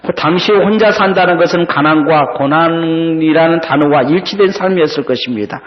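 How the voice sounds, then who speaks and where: Male pastor, sermon, storytelling, acts out quotes, slightly high voice, long church reverb. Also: fairly quick. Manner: storytelling preacher who acts out the quoted characters. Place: church sanctuary. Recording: dull sound with a long hall reverb.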